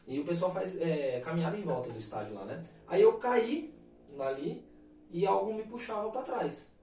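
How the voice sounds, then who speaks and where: A Brazilian man in his thirties speaks in a fairly high voice, telling a story in an animated, emphatic casual way, dropping slang fillers between phrases. He sits a little back from the mic, and the room adds a clear echo. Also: normal speed, a little hiss or hum. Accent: Brazilian Portuguese. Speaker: podcast guest. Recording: roomy echo, mic at a distance.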